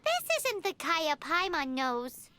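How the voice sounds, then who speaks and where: A woman voicing a small, chatty, cheeky childlike fairy companion in a video game, with a squeaky voice. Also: huge pitch swings, takes it slowly, background noise, exaggerated voice. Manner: speaks of self in third person. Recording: game music behind the voice.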